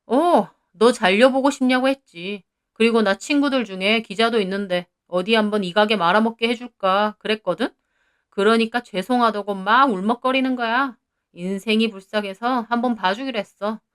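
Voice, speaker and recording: A man's voice: high voice, normal speed, fairly bright tone, clear, resonant tone. A woman voicing an arrogant, vindictive young man who boasts contemptuously about bullying a worker. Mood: smug.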